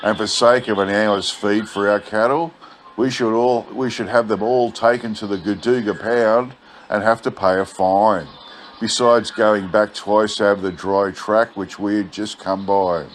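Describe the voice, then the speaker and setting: A man's voice: lowish voice, fairly even intonation, unhurried. A man reading a bush yarn as scripted narration in a laconic outback drawl. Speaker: story reader. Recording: clear background noise.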